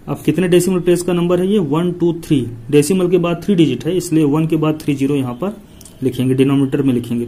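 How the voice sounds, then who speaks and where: A male tutor talks through a lesson step by step, repeating himself patiently. His voice sits somewhat high for a man, yet sounds mellow and soft-edged. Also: rough recording. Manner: patient, repetitive explaining, talking the viewer through each step. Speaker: maths tutor. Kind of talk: step-by-step maths lesson, counting digits aloud.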